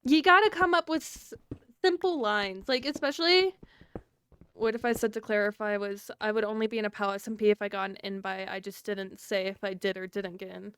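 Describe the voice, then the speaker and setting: A woman's voice: medium pitch, steady tone, a little fast, fairly bright tone, clear, resonant tone, no room sound. A woman from the Southern United States with a Southern accent, chatting casually on a livestream. She is playful, laughs often and stumbles over her words. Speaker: streamer.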